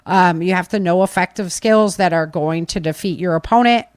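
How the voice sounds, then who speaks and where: Studio quality with no echo, this recording features a woman with a fairly low pitch and a clean tone, speaking at a moderate pace. She's a preparedness and self-defense podcaster whose casual, opinionated talk presses firm advice, repeating key phrases for weight.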